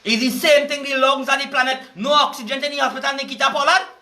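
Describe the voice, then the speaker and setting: A man's voice: very high voice, fairly even intonation, fast, pushed and bright. A man with a Trinidadian accent delivering a heated, profanity-filled preaching rant, repeating himself as he goes. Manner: heated, cursing, repetitive. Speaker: vlogger.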